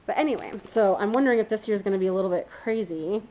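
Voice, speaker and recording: A woman's voice: medium pitch, rapid-fire. Woman vlogger from California, rambling casual chat, thin phone-like recording. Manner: rambling, many fillers, talks to her puppy. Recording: tinny phone-like sound.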